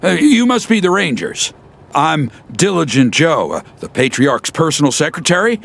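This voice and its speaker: A man's voice: a little high, sing-song, moderate pace, creaky, fairly bright tone, full character voice. An actor playing a flustered, officious male secretary in a video game, speaking formally with hesitant stammers. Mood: nervous, officious. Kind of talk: video game character dialogue.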